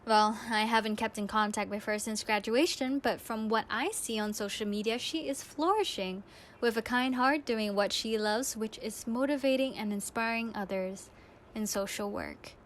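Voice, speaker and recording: A young adult woman hosts a radio-style podcast, sharing personal anecdotes in a reflective, earnest monologue to her listeners. Her voice is on the high side at normal speed, with a little hiss or hum in the recording.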